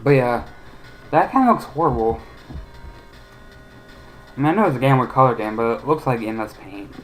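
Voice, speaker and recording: A man of middle pitch chatting casually over gameplay in rambling, opinionated asides. He stalls often on fillers before finishing a thought. Faint game music sits quietly under his voice. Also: expressive, moderate pace, rough recording. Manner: rambling, opinionated, frequent hesitations. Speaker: let's play host.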